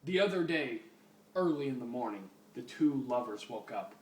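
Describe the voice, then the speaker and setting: A man with an expressive, medium-pitched voice at normal speed reads fan fiction in a comic, dramatic style, amused and quick to break off for commentary. It sounds echoey, with a distant mic and faint noise.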